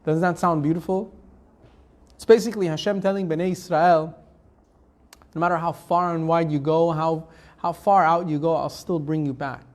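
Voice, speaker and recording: A rabbi leads a live Torah class, reading Hebrew verses, translating them phrase by phrase, and posing rhetorical questions in a loose, conversational way full of restarts and fillers. His fairly high voice holds a steady tone at a moderate pace, broken by long pauses.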